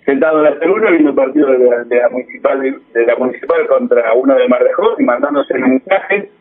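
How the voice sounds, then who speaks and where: This Argentine-accented guest speaks fast in a medium-pitched, creaky voice with lively intonation, rambling casually and restarting sentences. The audio comes through narrow and tinny.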